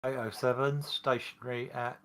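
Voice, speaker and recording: A man's voice: medium pitch, flat delivery, moderate pace, a bit bright. A man reporting over a radio as a train operator, in short, matter-of-fact calls.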